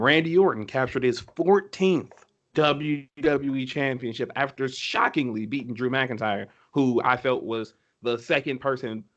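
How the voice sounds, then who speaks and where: Brief: male podcast co-host, mid pitch, excited rambling chat, slightly dull lo-fi sound. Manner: enthusiastic, rambling with fillers and restarts. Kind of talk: casual chat.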